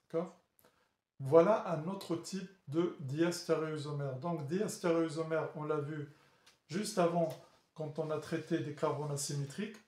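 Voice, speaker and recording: A male teacher walks a class through a chemistry lesson, his voice sitting a bit high. He talks slowly, searches for words and often restarts, and keeps checking with the room. The sound carries a clear echo from the classroom around him. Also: steady tone, darkish tone. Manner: halting, with many fillers and restarts, checking in with the class. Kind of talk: classroom lecture at a board. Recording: echoey room.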